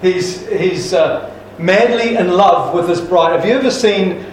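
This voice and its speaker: A man's voice: high-pitched, measured pace, slight background noise. A man preacher delivering a sermon with jokes, folksy and emphatic, with restarts. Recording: echoey church hall from far off.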